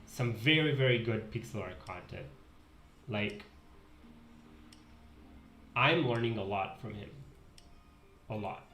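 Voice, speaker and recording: An Italian man in his twenties, a pixel art streamer, chats casually on a live stream while drawing at his home desk, using a headset mic. His voice is on the low side, bright and forceful with lively intonation, slow with long pauses, in a reverberant room with slight background noise. He rambles, corrects himself mid-sentence, and reads the chat aloud.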